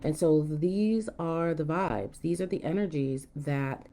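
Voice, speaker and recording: A woman's voice: low voice, takes it slowly, mellow. A woman giving a mystical, conversational horoscope and tarot reading, musing aloud and often checking in with the listener. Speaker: tarot reader hosting a forecast. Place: at home, indoors.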